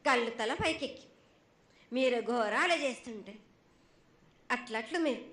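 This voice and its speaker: A woman's voice: a little high, moderate pace, fairly bright tone. A woman speaking as a goddess in a prophetic trance voice, in short, broken, repetitive phrases, stern and admonishing. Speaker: oracle delivering temple festival prophecy. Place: temple festival.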